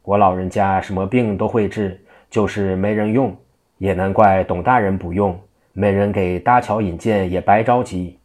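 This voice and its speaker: A man's voice: low voice, steady tone, moderate pace, darkish tone, close to an everyday voice. A man voicing a scruffy, eccentric old monk who teases and mocks in cheeky banter. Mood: mocking.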